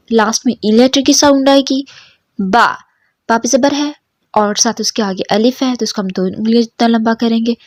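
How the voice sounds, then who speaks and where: A woman teaching Quran pronunciation, reciting verses slowly and drawn out, then explaining quickly in between. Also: on the high side, a little mellow, dry recording, studio quality.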